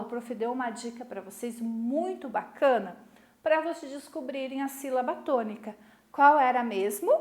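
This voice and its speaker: High-voiced Brazilian teacher in an echoey room. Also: female voice. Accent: Brazilian Portuguese. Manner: explains slowly, stretches key syllables, checks in with "né?" and "tá?". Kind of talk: recorded online lesson for middle school.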